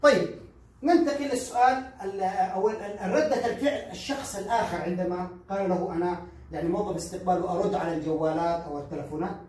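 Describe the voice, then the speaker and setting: Male language teacher, slowly models phrases; heavy room echo, recorded from a distance. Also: high voice, a little mellow. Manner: explains in Arabic, slowly models English phrases. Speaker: English teacher. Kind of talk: bilingual language lesson. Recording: echoey room from far off.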